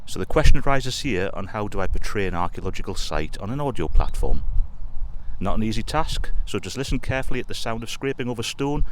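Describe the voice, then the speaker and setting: A man's voice: on the low side, expressive, fast talker, slight background noise. A man hosting a podcast, speaking in an informative, chatty way with the odd digression, recorded on a handheld dictaphone while standing outdoors in a sunny field. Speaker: podcast host. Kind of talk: podcast narration of local ghost stories and history.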